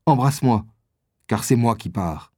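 A man's voice: medium pitch, expressive, measured pace, warm tone, no room sound, studio quality. A man voicing a brave, resolute teenage boy who leads the group, in a storybook reading. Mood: firm. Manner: firm, protective.

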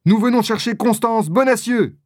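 A reader voicing a bold young musketeer in a storybook reading, shouting commands and crying out in anguish. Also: medium pitch, moderate pace, no room sound, pitched above the performer's own voice, close to an everyday voice. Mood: commanding.

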